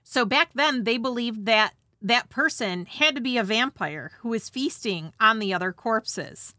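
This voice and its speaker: A woman's voice: fairly high pitch, lively intonation, unhurried, sharp tone, no room sound, clean studio sound. A woman hosting and narrating from a script with casual, conversational asides and a dramatizing touch. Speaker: host.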